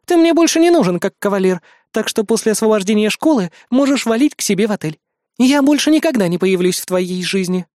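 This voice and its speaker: A man voicing a haughty, sharp-tongued young queen in an audiobook, speaking coldly and curtly. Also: sits high, animated, a little fast, no room sound, studio quality, pitched above the performer's own voice. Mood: mocking. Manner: cold, curt, mocking. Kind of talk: audiobook character voice.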